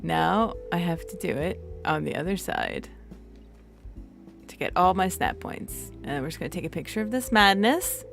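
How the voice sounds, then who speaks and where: A woman's voice: fairly low pitch, big pitch swings, normal speed, vocal fry, faint music behind. A woman from New York chatting casually on a game stream, telling a long story with many restarts and laughs. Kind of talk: casual chat while gaming.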